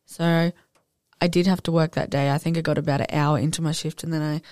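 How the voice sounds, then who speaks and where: A woman's voice: deep voice, fairly even intonation, fairly quick, darkish tone, dry recording, clean studio sound. A young woman co-hosting a podcast in casual chat, her voice a bit nasal as she gets over the flu, laughing often and swearing casually. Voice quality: nasal from illness. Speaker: podcast co-host.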